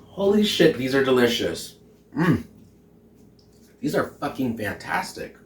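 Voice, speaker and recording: Cooking indoors at home for a casual vlog, a young man in drag giggles, bubbles over, swears frequently while tasting, and puts on a mock Irish lilt. He speaks unhurriedly in a mid-range voice with big pitch swings. A camera mic a few feet away leaves him distant and off-mic amid roomy kitchen echo.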